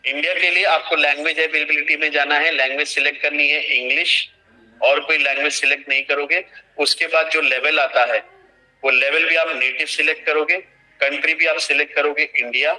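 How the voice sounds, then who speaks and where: Bright-voiced man teaching online. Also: fairly high pitch, steady tone, a little fast, poor audio. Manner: explanatory, repeats and restates instructions. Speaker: online trainer. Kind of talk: live screen-share training session.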